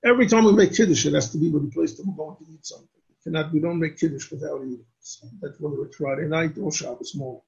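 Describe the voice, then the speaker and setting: A man, a rabbi, answering questions on religious law in a deliberate, explanatory way and restating his points. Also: on the high side, gravelly. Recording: dull lo-fi recording.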